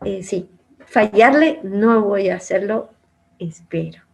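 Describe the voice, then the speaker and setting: Speaking slowly at medium pitch with vocal fry, this middle-aged woman recounts her life as an interview guest who once worked as a producer and journalist. Her manner is reflective and conversational, marked by soft laughs and quiet trailing phrases.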